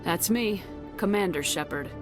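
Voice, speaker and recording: A woman's voice: fairly low pitch, music in the background, natural voice. An actress playing a decisive female military commander in a video game, cool, direct and authoritative. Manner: firm, brisk, authoritative.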